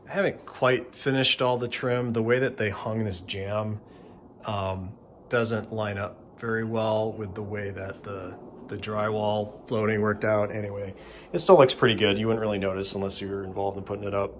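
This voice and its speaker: A man casually narrating his own home renovation, relaxed and rambling with frequent ums. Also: on the low side, normal speed, slight background noise. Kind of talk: casual narration over DIY footage. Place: garage under renovation.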